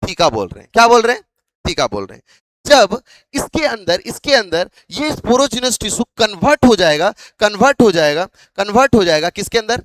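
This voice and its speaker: High-voiced man drilling a biology class. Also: sing-song, brisk, fairly bright tone, no room sound. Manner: repeats questions to drill students. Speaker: biology teacher. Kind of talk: classroom lecture.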